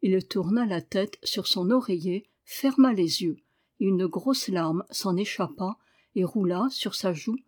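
A woman reading a novel aloud in a measured, even storytelling manner. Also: mid-range voice. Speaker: audiobook reader. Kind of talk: scripted narration.

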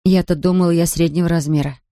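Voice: mid-range voice, steady tone, quick pace, no echo, clean studio sound, lightly acted. A narrator playing a mild, self-conscious pregnant woman. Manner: soft, mild speech.

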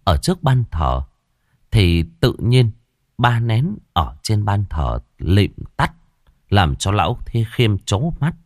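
A man narrating an audio story in an expressive storytelling manner. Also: lowish voice, takes it slowly, dry recording, studio quality.

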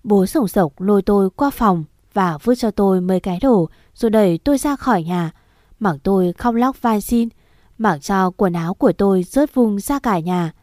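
A woman narrating a ghost story in the first person with a sad, measured delivery. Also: medium pitch, a little mellow, no echo, clean studio sound.

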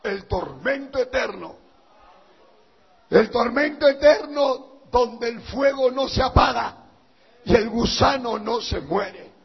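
A male pastor preaching a fiery sermon, swinging between shouting and hushed intensity. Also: extremely high pitch, animated, slow, gravelly, breathy edge. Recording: dull reverberant hall recording.

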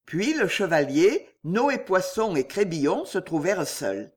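An audiobook reader narrates a classic novel with expressive storytelling. The voice sits at a middling pitch and moves with lively, animated intonation. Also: measured pace, slightly rough.

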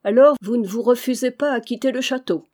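A woman's voice: a little high, a little fast, darkish tone, voice pushed up, lightly acted. A woman reading as a proud young noblewoman. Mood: accusing. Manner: haughty, accusing.

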